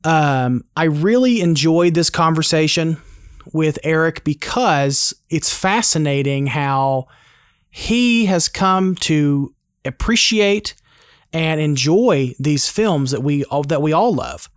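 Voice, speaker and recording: A man's voice: fairly high pitch, expressive, slow, clear, resonant tone, no echo, studio quality. A man in his thirties hosting a podcast in a casual, conversational and earnest way. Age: 30s. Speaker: podcast host.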